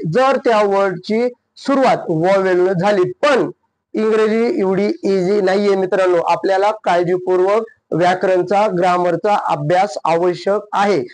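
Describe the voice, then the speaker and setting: High-voiced man teaching English grammar. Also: low-quality recording. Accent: Marathi. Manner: explains by asking and answering his own questions, slows on English examples. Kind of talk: classroom-style lesson.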